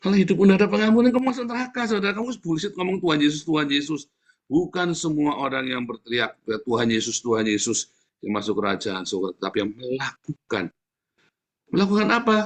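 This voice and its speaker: A man with a slightly high voice speaks a little fast as he preaches an informal sermon. He's animated and jokey, often laughing in asides and calling the congregation saudara.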